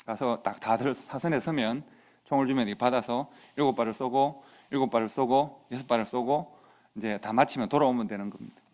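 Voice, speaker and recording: Korean pastor telling a story. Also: male voice, medium pitch. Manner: conversational anecdote with quoted dialogue. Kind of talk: sermon storytelling. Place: church sanctuary.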